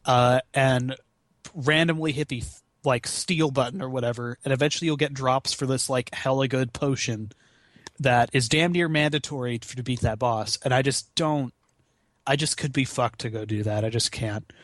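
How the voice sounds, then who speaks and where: At a normal speed and with fairly even intonation, a medium-pitched man speaks in a recording with no room sound. He's in his twenties, a podcast guest and gaming marathon runner, casually rambling about video games with free swearing and slangy, self-deprecating asides.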